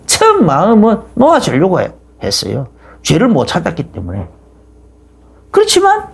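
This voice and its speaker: Woman pastor giving a sermon, gravelly husky voice, swings her pitch all over, keeps throwing out questions. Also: darkish tone. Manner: emphatic storytelling with rhetorical questions.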